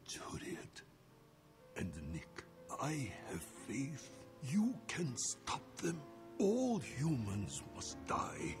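A man voicing a dying old martial-arts sensei in a video game, coughing and weak, giving slow solemn warnings. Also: medium pitch, huge pitch swings, over music, heavily acted.

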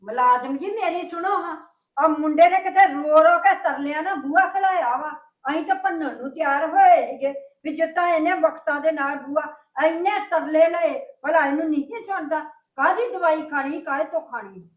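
A woman's voice: high voice, normal speed, reverberant, recorded from a distance, phone-quality sound. A woman playing a sarcastic, scolding grandmother in a family web drama.

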